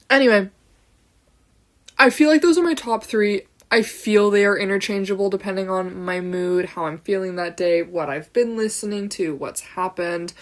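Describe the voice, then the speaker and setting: A young woman hosts her own podcast alone, talking straight to her camera in a loose, bubbly ramble. She fills her speech with "like" and "um" and wanders off on tangents with a giggle. Her voice sits at an ordinary middle pitch. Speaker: podcast host. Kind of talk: casual solo podcast chat.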